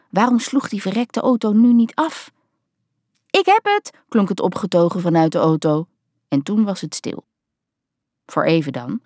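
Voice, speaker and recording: A woman narrating a novel in a steady, even storytelling manner. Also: on the low side, dry recording, clean studio sound. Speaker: audiobook narrator.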